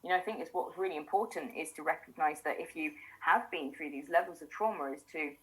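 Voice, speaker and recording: Low-voiced reflective woman. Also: fast talker, fairly bright tone, rough recording. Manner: reflective, self-questioning, frequent restarts. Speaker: host. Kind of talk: casual chat.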